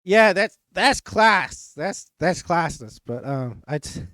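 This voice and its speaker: A man's voice: on the high side, lively intonation, slow pace, bright, forceful tone, dry recording. A man hosting a reaction video, rambling casually and laughing often between his words. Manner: mock-grand oratory voice.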